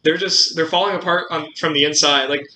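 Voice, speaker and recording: Very bright-voiced young man, rambling chat. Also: a little high, fairly even intonation, a little fast. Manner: rambling, many fillers and restarts. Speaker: podcast co-host. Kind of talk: casual chat. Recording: roomy room with faint noise.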